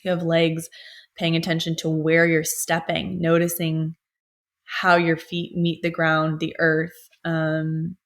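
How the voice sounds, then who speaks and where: A young woman talks in a low, even voice, drifting through a soft spiritual monologue. She wanders between thoughts, leaning on fillers and pauses as she muses from home. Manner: soft, meandering, many fillers. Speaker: astrologer and healer.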